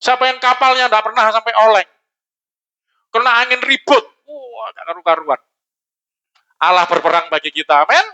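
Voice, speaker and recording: A man preaching a lively, joking sermon in a church hall, often asking the congregation questions. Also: high voice, normal speed, long pauses, dull audio. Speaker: pastor.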